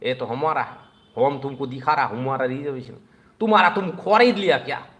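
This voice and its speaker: A man mimicking a stubborn, shouting male train passenger who speaks in broken Hindi. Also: medium pitch, fairly even intonation, fairly quick, natural voice. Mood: indignant.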